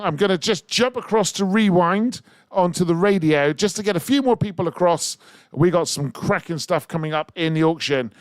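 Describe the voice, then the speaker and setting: Smooth and high-pitched with no echo, this man's voice leads a live charity auction in a radio studio. He spurs listeners to bid, his energy and excitement steadily climbing.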